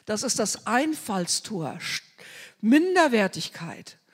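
Woman, preacher, fervent sermon, husky voice, long hall reverb. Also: medium pitch, big pitch swings, slow pace. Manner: fervent, swinging between loud declarations and hushed asides.

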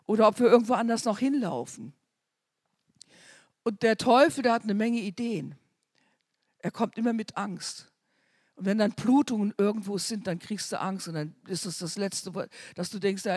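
An older woman preaching a sermon, moving between fervent, loud declarations and chatty storytelling of her own testimony. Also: mid-range voice, no echo, studio quality. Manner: chatty storytelling with quoted dialogue.

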